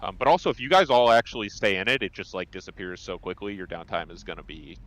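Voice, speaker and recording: A man with a New Jersey accent leading a raid, calmly explaining strategy over voice chat. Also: fairly low pitch, quick pace, dry recording. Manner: calm, instructive, many fillers. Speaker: raid leader. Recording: dull lo-fi voice chat.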